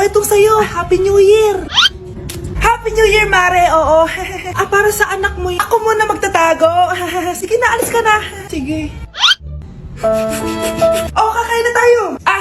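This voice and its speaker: A woman with a very high, piping voice plays out comic skits, jumping between characters with playful energy. The sound is roomy, with loud music running behind her. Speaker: comedy skit creator. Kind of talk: comic skit acting.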